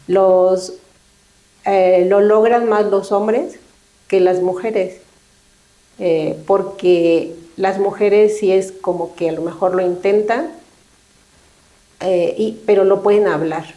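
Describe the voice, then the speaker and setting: A middle-aged woman, a thanatologist, is a guest in a conversational interview. Her soft, mellow voice sits at a middle pitch with fairly even intonation, and she speaks reflectively and without hurry, often pausing for a quick tag question. The recording is rough.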